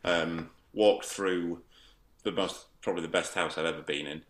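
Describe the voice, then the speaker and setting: A man's voice: low voice, fairly even intonation, moderate pace, fairly bright tone. A man with a Yorkshire accent telling stories in a dry, matter-of-fact way in casual podcast chat. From Yorkshire, England. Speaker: tennis coach and podcast panelist.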